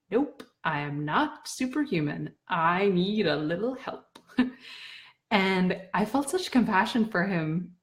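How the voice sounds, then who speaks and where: Woman, 30s, slightly low pitch, earnest reflective storyteller. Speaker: blogger sharing a personal story. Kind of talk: reflective personal talk to camera.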